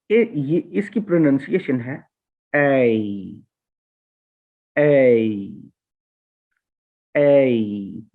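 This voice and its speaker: Slow, deliberate teacher. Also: male voice, fairly high pitch. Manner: slow, repetitive, demonstrating vowel sounds aloud. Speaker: English phonetics teacher. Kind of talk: recorded classroom lecture. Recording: tinny, phone-like lo-fi audio.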